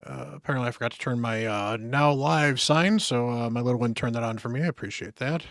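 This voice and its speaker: Brisk and mid-range with vocal fry and a slightly bright edge, a tired man chats casually during a gaming live stream. The studio sound is clean with no echo, and he rambles, muttering asides to his viewers.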